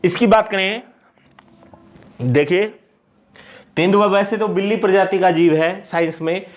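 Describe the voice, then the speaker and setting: A man's voice: high-pitched, measured pace. A man teaching an exam-prep lesson, repeating points and asking questions he answers himself. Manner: repetitive, explains by asking and answering itself.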